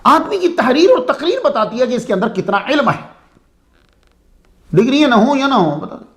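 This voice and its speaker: High, lively-voiced man giving a sermon. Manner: conversational, asks the audience questions. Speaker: religious speaker. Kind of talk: sermon-style storytelling lecture.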